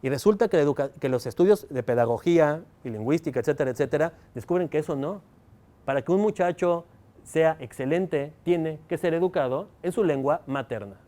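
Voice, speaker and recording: Warm in tone, a little high and fairly quick, a man with a Mexican Spanish accent delivers a university lecture. He draws his students in with a steady stream of rhetorical questions.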